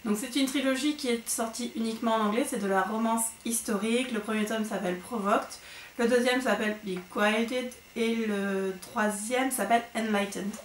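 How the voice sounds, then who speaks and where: Female book vlogger, slightly high voice, chatty and hesitant, roomy recording. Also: steady tone, moderate pace. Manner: chatty, hesitant with frequent fillers and restarts. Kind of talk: casual monthly reading recap. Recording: echoey room with faint noise.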